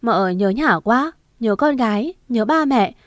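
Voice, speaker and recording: A woman's voice: on the high side, lively intonation, moderate pace, no room sound, clean studio sound, close to an everyday voice. A woman storyteller voicing the tearful, pleading spirit of a young mother, in a choked, sobbing voice. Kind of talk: audiobook story reading.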